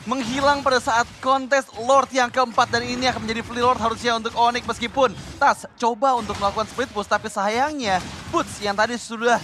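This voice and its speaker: Very high, bright male game caster. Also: steady tone, normal speed, a little hiss or hum. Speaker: esports play-by-play commentator. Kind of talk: live game commentary.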